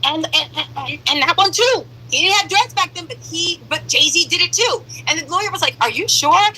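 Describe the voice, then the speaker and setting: A woman's live-stream commentary played back sped up, so she sounds like a chipmunk, blunt and joking with quick asides. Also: expressive, bright, forceful tone, poor audio. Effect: sped-up playback, chipmunk-like high voice.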